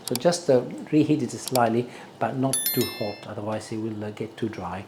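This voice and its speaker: A man's voice: fairly low pitch, moderate pace. A man chatting casually as he demonstrates cooking, savouring the food. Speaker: cooking show host. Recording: clear background noise, kitchen clatter.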